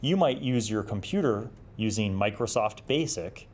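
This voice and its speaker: A man in his forties hosts an old gaming review series, talking casually on his own as he reviews and reminisces, reflective and explanatory in a conversational way. His voice sits fairly low and sounds animated, with a darkish tone and normal speed. A little hiss or hum runs under the recording.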